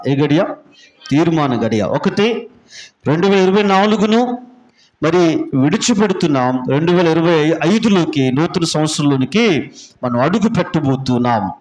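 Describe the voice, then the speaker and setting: A man pastor preaching a sermon with emphatic lists and call-and-response questions in a church prayer hall. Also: on the high side.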